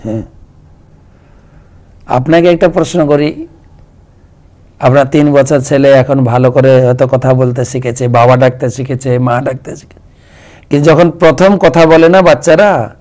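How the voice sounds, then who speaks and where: A man's voice: medium pitch, fairly even intonation, moderate pace, pauses often, darkish tone. A man, a monk patiently answering devotees' questions with homely examples. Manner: patient, explains with homely examples and sung chants.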